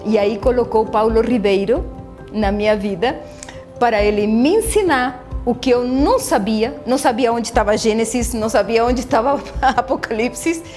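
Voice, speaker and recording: A middle-aged Argentine woman, a native Spanish speaker with an Argentine Spanish accent, gives a church testimony of her personal faith, her voice on the high side. She speaks earnestly but haltingly, with restarts and repeated words. Soft music plays in the background.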